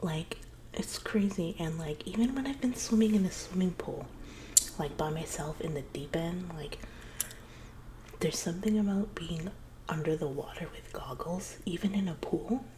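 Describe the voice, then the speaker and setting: A woman speaks softly her way through one side of a casual conversation in an ASMR role-play. Her voice is low and hushed, slipping between soft soft voice and murmur in a rambling, confiding way. Clear background noise sits behind her. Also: normal speed, rough recording. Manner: soft-spoken with occasional low murmured words.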